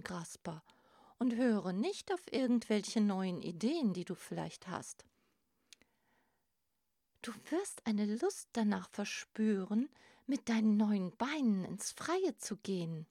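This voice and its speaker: A woman's voice: mid-range voice, mellow, dry recording, clean studio sound, full character voice. A woman voicing a cautious group of older crabs who warn insistently, in a storybook. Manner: warning, insistent.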